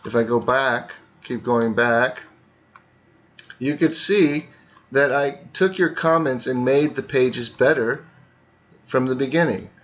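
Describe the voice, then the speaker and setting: Taking students through a screen tutorial one click at a time, a man teaches at a slow, deliberate pace. His pitch is middling and his tone fairly bright, though the recording sounds somewhat dull and lo-fi.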